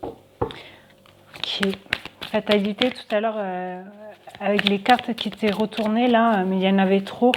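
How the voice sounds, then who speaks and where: A woman's voice: medium pitch, steady tone, normal speed, noisy background. A woman doing a casual tarot card reading for viewers, thinking aloud with many hesitations.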